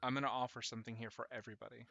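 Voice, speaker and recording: Live-stream game master, bright and forceful delivery, relaxed and hesitant between rulings. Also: medium pitch, very fast, gravelly, dull audio.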